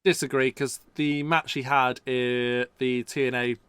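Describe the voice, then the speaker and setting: Bright crisp lad, opinionated. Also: male voice, mid-range voice, steady tone, no echo. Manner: opinionated, swearing, quick banter. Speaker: podcast host. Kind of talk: casual wrestling podcast chat.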